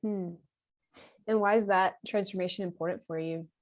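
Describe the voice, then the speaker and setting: A woman's voice: medium pitch, steady tone, normal speed. A woman interviewing a member, asking short questions and murmuring along as she listens. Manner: brief prompts and murmured acknowledgements. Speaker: interviewer, community host.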